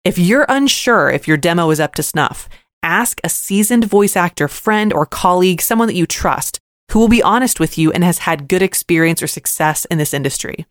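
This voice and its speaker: Female advice podcaster, slightly low pitch, upbeat and neatly organized scripted delivery, very dry studio sound. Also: animated, normal speed, no echo. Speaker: podcast host and voice actor.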